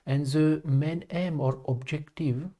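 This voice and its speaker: A man from France, hosting a live spiritual talk in a calm, halting way with frequent pauses. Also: a little high. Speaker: live stream host and spiritual speaker. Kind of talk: live stream talk to viewers.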